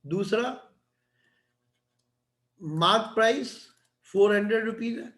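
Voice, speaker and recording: A man's voice: high-pitched, slow pace, fairly bright tone, roomy sound. A middle-aged man teaching a class in a chatty, conversational way, often checking in with his students. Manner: chatty, keeps adding "है ना". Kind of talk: classroom lecture.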